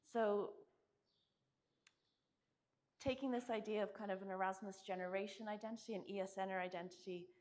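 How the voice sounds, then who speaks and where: Young woman, conference speaker, earnest and casual, mid-pitched voice. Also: darkish tone. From Ireland. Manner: earnest, casual fillers like "kind of" and "like". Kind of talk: presentation talk on her research. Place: conference hall.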